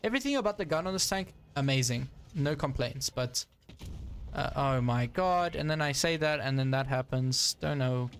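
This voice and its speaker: Playing a tank game live, a young streamer chats his way through it with frequent fillers and bursts of frustration. He speaks at a moderate pace in a medium pitch, and the audio carries a little hiss or hum.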